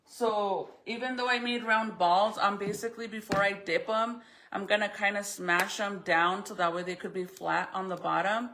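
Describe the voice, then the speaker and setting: A woman's voice: mid-range voice, fairly even intonation, moderate pace, noisy background. A woman chatting casually and informally to viewers as a vlogger, thinking aloud in a rambling way, her speech slightly impeded by a retainer in her mouth. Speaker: vlogger showing crafts and baking.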